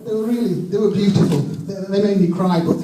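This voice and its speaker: A man giving a jokey, informal best man's wedding toast, speaking haltingly with many false starts. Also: high-pitched. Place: echoey room at a wedding gathering. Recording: distant mic in echoey room, audience noise. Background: crowd of guests reacting and laughing.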